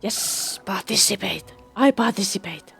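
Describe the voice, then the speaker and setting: A woman voicing a small, timid kobold creature in a video game who speaks in halting, broken phrases. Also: medium pitch, expressive, gravelly, a bit bright, slightly rough, soft background music, exaggerated voice.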